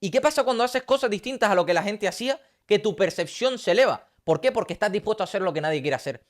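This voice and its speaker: A man's voice: sits high, animated, fast talker. A man, giving an intense, preachy motivational talk straight to camera and piling up rhetorical questions. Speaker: motivational coach. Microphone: talking straight to camera.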